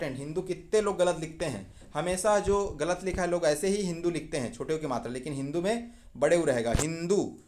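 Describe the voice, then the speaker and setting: Bright-voiced male teacher drilling spellings. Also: on the high side. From India. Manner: brisk word-by-word drilling. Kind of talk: exam-prep spelling lesson.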